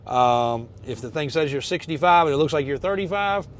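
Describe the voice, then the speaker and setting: A man's voice: on the high side, lively intonation, a little fast. A man talking casually to his viewers from a moving vehicle, emphatic and repeating phrases for stress. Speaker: car dealership owner and video host. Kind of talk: casual ride-along talk to viewers.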